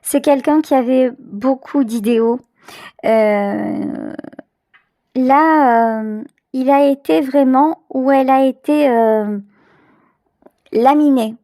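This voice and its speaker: In clean studio sound with no room noise, a woman reads tarot for her channel in a high, warm voice, speaking slowly with long pauses. She addresses the viewer conversationally, improvising and leaning on emphatic repetitions.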